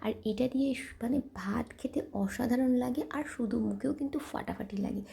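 A woman's voice: on the high side, fairly quick, gravelly, warm tone. A woman hosting a home cooking tutorial, talking chattily to viewers as friends, often dropping to a half-whisper, with many fillers. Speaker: cooking channel host.

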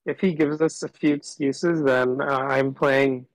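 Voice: mid-range voice, steady tone, unhurried, dry recording, poor audio. A caller talking through a voice changer that disguises the voice, chatting casually on a call and rambling with lots of fillers. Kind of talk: casual phone chat.

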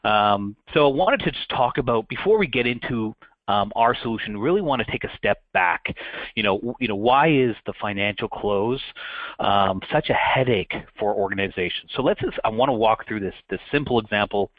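Speaking at normal speed with lively intonation, a low-voiced Canadian man in his thirties runs a business webinar as a channel account manager. The delivery is conversational and full of fillers and restarts, and the web-call audio is dry, muffled, and free of echo.

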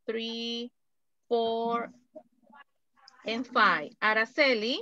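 Slow, bright-voiced woman teaching. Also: on the high side, fairly even intonation, dry recording, muffled recording. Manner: slow, careful, repeats phrases for students. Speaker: English teacher. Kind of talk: online class explaining grammar.

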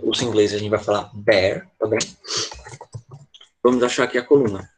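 A man's voice: lowish voice, fairly even intonation, fairly quick, a little hiss or hum. A man teaching an online English lesson to children, patient and constantly checking in with short questions. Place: online class over a video call.

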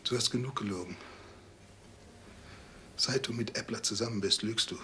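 An actor playing a jealous husband who threatens his wife in a quiet, menacing near-whisper. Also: on the low side, normal speed, a little hiss or hum. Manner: soft, threatening whisper rising to furious outbursts. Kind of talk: 1980s TV crime drama acting.

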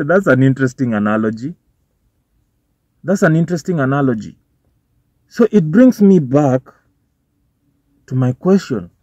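Parked in his car, a young Kenyan vlogger gives profane, casual commentary to a phone or camera on the dashboard, switching between English and Swahili slang in his Kenyan accent. His rather high voice swings widely in pitch, and he talks slowly with frequent pauses, sounding darkish with a breathy edge. The car recording is dull and dry, with no room sound.

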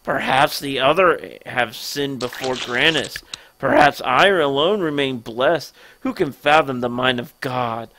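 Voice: mid-range voice, measured pace, bright, forceful tone, a little hiss or hum, pitched below the performer's own voice. A player doing a smug Southern merchant villain. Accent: put-on Southern US. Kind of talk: let's-play voice acting.

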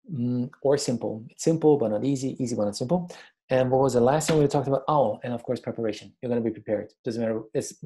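A man's voice: medium pitch, dark tone. A middle-aged man leading a stress workshop in a casual, emphatic way, often repeating phrases for emphasis. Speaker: workshop presenter. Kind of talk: motivational workshop talk.

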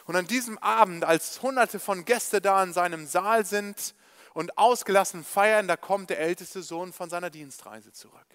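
A man preaching in a church, telling a parable with animated storytelling and speaking straight to his listeners. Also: sits high, moderate pace, clear, resonant tone. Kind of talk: evangelistic sermon storytelling.

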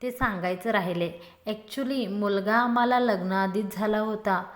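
A woman's voice: mid-range voice, moderate pace, close to an everyday voice. A woman voicing a playful, scheming young man who talks in a teasing, mock-dramatic way.

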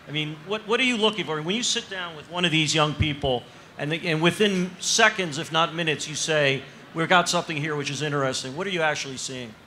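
A man's voice: a little high, a little fast, sharp tone, slight background noise. A man moderating a panel discussion on stage, probing his guests and pushing them for specifics. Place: stage in a large tent with an audience. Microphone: handheld mic.

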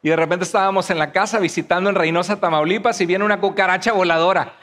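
A pastor with a high, bright preaching voice, acting out the story with lively energy. He shifts into quick little character voices along the way. His voice carries a long reverb from a church hall. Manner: animated storyteller, acts out voices and screams. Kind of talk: sermon.

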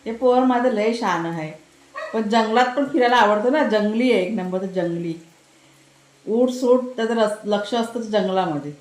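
A woman's voice: medium pitch, moderate pace, a little mellow. A woman with a Marathi accent vlogging from her village home in casual chat and fussing over her dogs in doting baby talk. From Maharashtra, India. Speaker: family vlogger.

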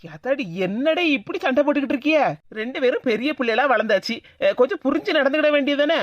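A woman voicing a kindly cartoon aunt who calms the quarrelling girls, with a Tirunelveli Tamil accent. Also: high voice, fast talker, no echo, lo-fi sound. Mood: soothing. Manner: soothing, laughs easily. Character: kindly aunt, calm peacemaker. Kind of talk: cartoon voice acting.

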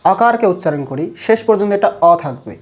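A man with a Bengali accent teaching Sanskrit pronunciation in a measured lesson, slowing down to recite rules. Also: high-pitched, animated. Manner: measured, chants sutras slowly. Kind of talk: explanatory lesson.

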